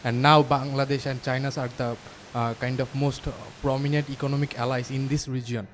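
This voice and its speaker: A man from the audience asking a question in a halting way. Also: medium pitch, slight background noise, low-quality recording. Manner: halting, flat delivery.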